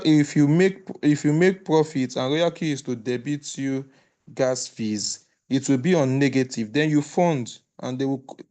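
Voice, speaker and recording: A man with a smooth, resonant voice guides the call to a close. He speaks hesitantly, pausing on "uh" and restarting his sentences while he gives earnest advice. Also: mid-range voice, a little mellow. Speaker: call moderator. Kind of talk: casual group call, closing remarks.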